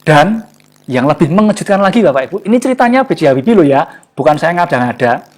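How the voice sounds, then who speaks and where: Man, slightly high voice, casual online class talk, jokey, searching for words. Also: very animated, fast. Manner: chatty and jokey, often searching for words with fillers. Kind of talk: casual motivational talk to a live online audience.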